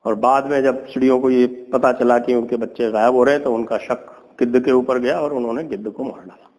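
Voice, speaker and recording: A host retells an old fable in a lively storytelling manner and sometimes drops to low asides. He speaks in an average man's pitch, and the recording has a long hall reverb. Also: brisk. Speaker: host, commentator.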